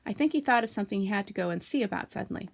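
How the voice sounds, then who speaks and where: A woman voicing a gentle male bear who speaks slowly and thoughtfully, in a storybook reading. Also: mid-range voice, expressive, gravelly. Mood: musing. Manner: slow and musing.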